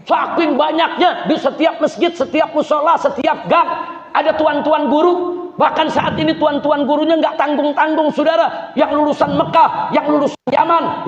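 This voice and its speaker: A male preacher giving a fiery sermon, calling out to the congregation and shouting for emphasis. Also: very high voice. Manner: rhetorical, calls out to the crowd, shouts for emphasis. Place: large mosque hall. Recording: echoey hall, dull PA sound.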